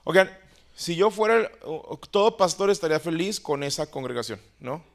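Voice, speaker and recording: Male pastor, fairly high voice, chatty sermon that swells into shouted emphasis. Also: animated, moderate pace. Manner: conversational, swings between soft asides and loud emphatic exclamations.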